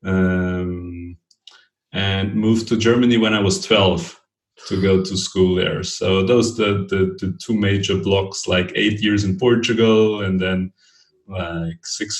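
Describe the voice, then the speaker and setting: A man with a low, gravelly voice answers interview questions in a roomy, echoing space. He talks in halting bursts, restarting phrases and laughing lightly as he searches for words. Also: flat delivery. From Brazil. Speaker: podcast guest.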